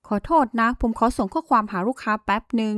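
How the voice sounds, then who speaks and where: Woman reading as a calm, firm young boss. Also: fairly high pitch, fast talker, no echo, studio quality, natural voice. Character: calm, firm young male company president.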